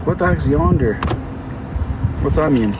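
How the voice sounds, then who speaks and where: Chatting playfully with his livestream viewers, this Canadian host speaks unhurriedly in an animated, fairly high voice, picked up by a distant mic amid street noise.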